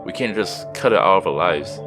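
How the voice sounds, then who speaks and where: A young man from Seattle whose first language is Chinese, reading a scripted video essay in a steady, explanatory way. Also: sits low, brisk. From Seattle, USA. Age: young adult. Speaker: student narrator. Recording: music behind voice.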